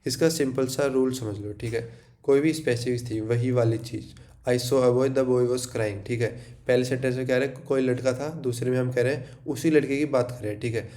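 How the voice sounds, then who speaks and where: A man's voice: mid-range voice, steady tone, moderate pace, dark tone. A young Indian man giving an exam revision lecture, mixing in English and often asking and then answering his own questions. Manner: checks in with frequent "theek hai", asks and answers own questions. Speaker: teacher.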